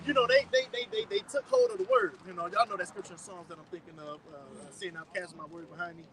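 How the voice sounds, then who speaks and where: A man's voice: high-pitched, big pitch swings, fast, a bit bright, low-quality recording. A man leading a loose, streetwise Bible study discussion, reading scripture and preaching casually to a group.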